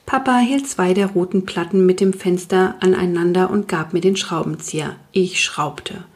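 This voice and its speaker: A woman's voice: lowish voice, normal speed, a little mellow. Woman reading a children's audiobook. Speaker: audiobook reader. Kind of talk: scripted first-person narration.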